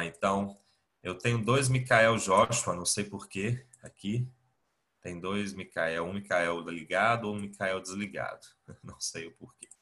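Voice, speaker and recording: Brazilian guy teaching english on a video call, lowish voice but bright, lots of fillers, takes it slow. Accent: Brazilian Portuguese. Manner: patient, explaining step by step with many fillers. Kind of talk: online class lecture. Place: home, remote video class. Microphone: computer mic on a video call.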